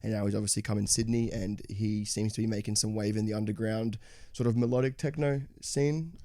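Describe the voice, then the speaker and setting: A man's voice: lowish voice, steady tone, brisk, mellow, no room sound. A man hosting a casual podcast interview, talking with many hesitant "sort of" fillers. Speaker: podcast host.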